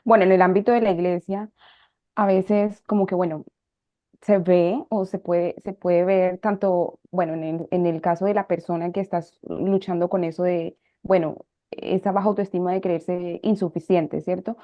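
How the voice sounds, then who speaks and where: A woman's voice: fairly low pitch, fairly even intonation, moderate pace, no echo, muffled recording. A woman hosting a faith podcast, framing questions in a thoughtful, searching way with many fillers. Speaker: podcast host. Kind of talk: faith-based podcast conversation.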